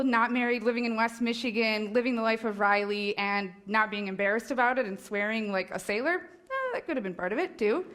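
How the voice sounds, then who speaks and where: A woman's voice: on the high side, a bit bright. Nervous, chatty woman telling a story on stage. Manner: candid and self-mocking, with laughs and fillers. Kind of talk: live personal storytelling.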